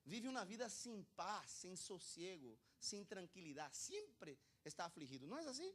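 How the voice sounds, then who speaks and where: A male pastor preaches a sermon at a normal pace, firing rhetorical questions at the congregation. His high voice swings widely in pitch, moving from quiet asides to loud emphasis.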